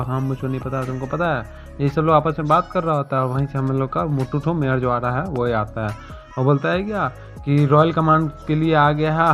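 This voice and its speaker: A man retelling a manhua story in casual, colloquial speech, briefly voicing the characters' lines. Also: fairly bright tone. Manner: colloquial, voices characters' lines with shifts in pitch. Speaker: manhua recap narrator. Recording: dull lo-fi voice-over with faint music.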